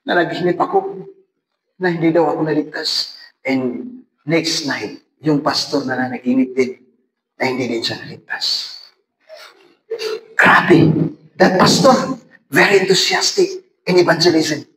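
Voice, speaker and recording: A man preaching an evangelistic revival sermon, emphatic and animated, appealing directly to his listeners. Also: on the high side, moderate pace. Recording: echoey hall with faint ambient noise.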